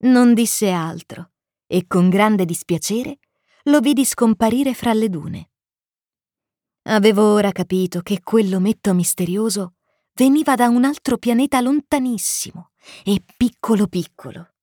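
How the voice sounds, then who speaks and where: A woman narrating a children's story in an expressive, animated storybook-reading manner. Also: medium pitch, measured pace, no room sound, studio quality.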